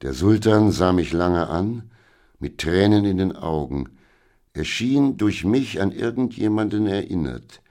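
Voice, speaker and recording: A man's voice: deep voice, a little mellow, pitched above the performer's own voice. A man voicing a proud young knight who speaks curtly and dismissively, in a storybook reading. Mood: brooding. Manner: curt, dismissive. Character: proud young male knight, curt and irritable.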